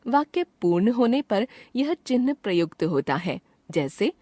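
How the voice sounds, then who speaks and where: A woman narrating a scripted grammar lesson in a precise, measured textbook-reading manner. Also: mid-range voice, very animated, mellow, dry recording.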